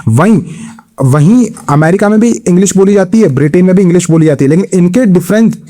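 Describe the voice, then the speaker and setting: A man with an Indian accent teaching an exam-prep lecture, mixing Hindi and English, posing his own questions and answering them, reading English questions slowly. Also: sits high, animated, dark tone. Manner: explains step by step, asks and answers own questions, frequent "theek hai".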